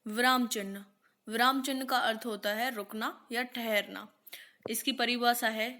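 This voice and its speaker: A woman teaching a grammar lesson, explaining rules and reading example sentences out slowly. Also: a little high, bright, forceful tone.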